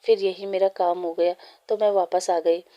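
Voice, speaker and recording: A woman's voice: lowish voice, fairly even intonation, normal speed, warm tone, dull audio, natural voice. A woman voicing a young woman in a fan story read aloud. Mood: casual.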